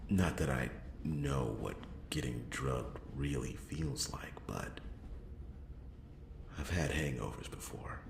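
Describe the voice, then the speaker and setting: Man acting a very deep, gravelly noir detective, ASMR role-play. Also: exaggerated voice. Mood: puzzled, uneasy. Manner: brooding, hesitant, thinking aloud with sighs and pauses. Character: hungover, wry noir detective, a grown man muttering to himself. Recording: roomy echo, clear background noise.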